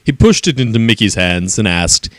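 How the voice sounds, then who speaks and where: Male storyteller, lowish voice, animated reading, dry close sound. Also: normal speed, no room sound. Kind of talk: children's story read-aloud.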